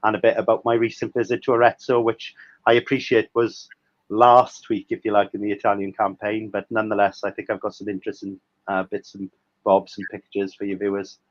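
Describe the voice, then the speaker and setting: A man's voice: fairly low pitch, level tone, a little fast, dry recording. A Welsh man in his thirties, a guest historian talking hesitantly over a video call, with many fillers and restarts. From Wales. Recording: dry, slightly muffled video call audio.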